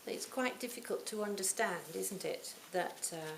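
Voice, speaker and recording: A woman's voice: medium pitch, moderate pace, vocal fry. Reflective woman in her sixties in a roomy hall. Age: 60s. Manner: reflective, warm storytelling with soft trailing phrase ends. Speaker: Buddhist teacher. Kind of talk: dharma talk to a retreat audience. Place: retreat hall. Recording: roomy hall, faint hiss.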